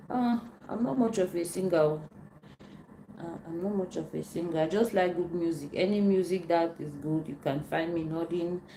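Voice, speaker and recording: Slow, mellow-voiced woman. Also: on the low side. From Cameroon. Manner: unhurried, repeats phrases and searches for words. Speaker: livestream host answering viewer questions. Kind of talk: casual live Q&A. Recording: roomy echo, faint background noise.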